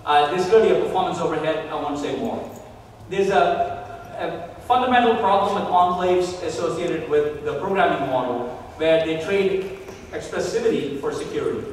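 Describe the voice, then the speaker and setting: A man giving a conference keynote lecture, measured and pausing often with "uh" while he thinks. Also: fairly high pitch, slight background noise. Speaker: keynote speaker. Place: large lecture hall. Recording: echoey hall recorded from far off.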